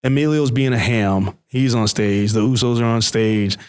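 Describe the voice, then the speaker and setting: A man co-hosting a podcast, telling a story in an animated, casual way and swearing freely. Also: medium pitch, normal speed, clean tone. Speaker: podcast co-host. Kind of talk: casual chat.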